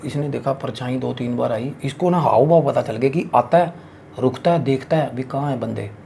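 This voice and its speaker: A man's voice: mid-range voice, moderate pace, vocal fry, warm tone, a little hiss or hum. A man hosting a podcast, telling a horror story in a casual, crude and slangy way full of swearing.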